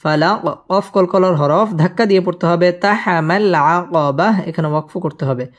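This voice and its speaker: A man's voice: sits high, moderate pace. A man teaching Quran recitation, spelling each word syllable by syllable and explaining the pronunciation rules.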